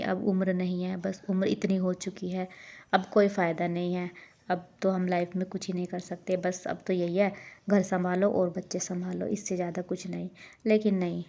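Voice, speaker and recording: Earnest woman in her thirties, mellow voice. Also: mid-range voice. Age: 30s. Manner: earnest, encouraging, repeats herself. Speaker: homemaker vlogger. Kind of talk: casual motivational vlog talk.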